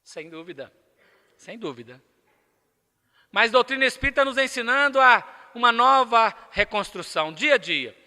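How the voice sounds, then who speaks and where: A man's voice: very high-pitched, animated, normal speed, pushed and bright. A man with a Brazilian accent giving a spiritist lecture, emphatic and asking the audience rhetorical questions. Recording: echoey lecture hall.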